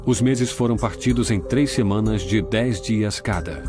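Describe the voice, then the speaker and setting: A man reading scripted documentary narration in a grave, measured way, recorded as a studio voice-over. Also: on the low side. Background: music.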